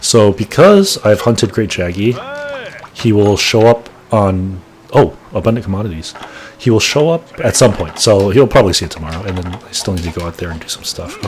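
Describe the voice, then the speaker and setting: In casual commentary over his gameplay, a gaming channel host in his late thirties talks at a moderate pace, rambling and self-correcting. His lowish voice is animated and a little mellow, with slight background noise behind it.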